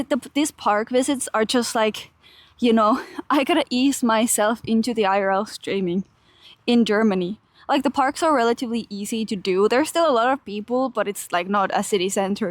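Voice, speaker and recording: A young adult woman from Finland chats casually with her live-stream viewers while walking outdoors through a park and transit stations. Her voice is a little high, with no room sound.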